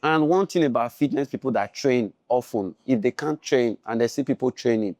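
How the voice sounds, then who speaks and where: A man chats as a podcast guest in an emphatic, conversational way, often asking if his point is understood. His voice sits at a middle pitch. The sound is close and dry. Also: brisk, a little mellow, no echo, lo-fi sound. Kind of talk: casual podcast chat.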